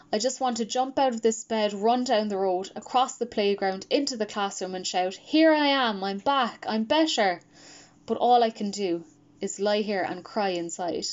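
A woman's voice: mid-range voice, a little mellow, dull audio. A woman narrating a first-person children's story in a reflective, plain way. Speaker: audiobook reader.

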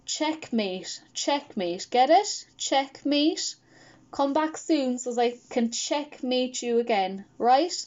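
A woman's voice: high voice, lively intonation, takes it slowly, darkish tone, lo-fi sound, voice pushed up. Morris, a woman doing a smug nerdy schoolboy. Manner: smug, punning. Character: nerdy schoolboy chess champion, smug joker.

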